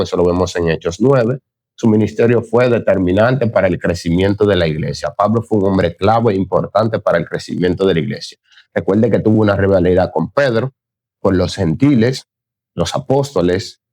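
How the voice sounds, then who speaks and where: Deep-voiced man teaching a Bible lesson. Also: normal speed, darkish tone, no room sound. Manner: earnest, exclaims "Gloria a Dios", stumbles and corrects himself.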